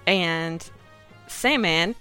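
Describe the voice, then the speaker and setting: A woman's voice: on the low side, extremely slow, sharp tone, faint music behind. A woman co-hosting a casual podcast chat, explaining translation differences with frequent ums. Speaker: podcast co-host.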